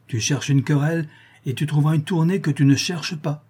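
A man's voice: on the high side, a little fast, mellow, slightly rough, voice pushed up. A man voicing a stern, restrained young man. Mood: stern anger. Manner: firm, controlled warnings.

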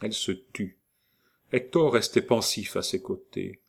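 A man reading a novel aloud as narrator, in a measured, even delivery. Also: lowish voice, gravelly, breathy edge. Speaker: audiobook narrator.

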